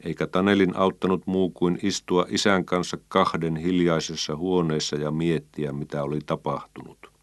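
A man narrating a children's story in a calm, measured reading voice. His pitch sits very low. The recording is dry and close, with no room sound. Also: no room sound.

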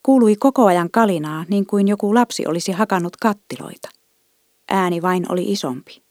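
A woman reading a children's story aloud in a gentle, even storytelling manner. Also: mid-range voice, dry recording, studio quality. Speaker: narrator.

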